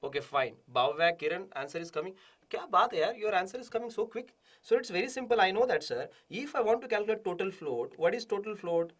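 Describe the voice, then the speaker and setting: Higher-pitched Indian man teaching, emphatic and repetitive. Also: animated, fast, fairly bright tone. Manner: repetitive, emphatic, asking and answering his own questions. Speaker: engineering exam teacher. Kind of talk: live online lecture, solving exam questions.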